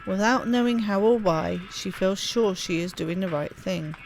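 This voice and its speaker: This let's play host reads game story text expressively in a medium-pitched, slightly mellow voice at a moderate pace, pausing for casual asides as she plays. Game music runs underneath, and the recording quality is low.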